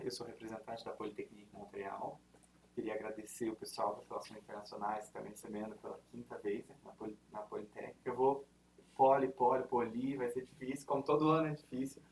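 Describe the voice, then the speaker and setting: A Brazilian man in his thirties from the interior of São Paulo state, with the local caipira R, gives an informal presentation to students in a lecture room as a university representative. He's chatty, with lots of fillers and self-corrections, in a mid-range voice picked up by a distant mic with faint room noise.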